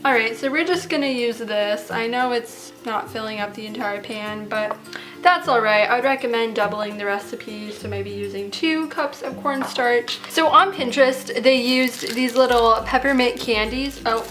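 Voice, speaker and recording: A woman's voice: on the high side, a little slow, fairly bright tone, soft background music. An eighteen-year-old woman talking with braces and a slight lisp, chatting casually as she hosts a craft tutorial. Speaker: host of a slime craft channel.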